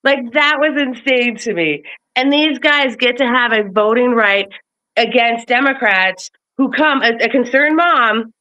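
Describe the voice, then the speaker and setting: A woman's voice: on the high side, measured pace, sharp tone. A woman in a casual political chat, blunt and profane, ranting about local politics. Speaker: political commentator. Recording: slightly dull lo-fi audio.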